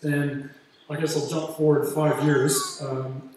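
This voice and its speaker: In a vast, echoing hall full of people, a Canadian speaker of about forty offers graduates a humble, informal pep talk built around his own story. His voice sits on the high side, level and a little mellow, and he goes slowly and haltingly; the distant mic picks up faint noise.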